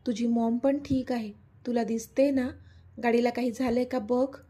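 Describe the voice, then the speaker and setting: A woman's voice: on the high side, fairly even intonation, normal speed, warm tone, husky. A woman voicing a cruel, mocking male villain who taunts and sneers, in a storybook reading. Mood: sneering.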